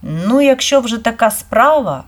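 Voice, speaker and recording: A woman voicing a grumpy little male forest spirit in a read-aloud storybook, with a gruff, grumbling manner. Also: fairly high pitch, animated, measured pace, voice pushed up.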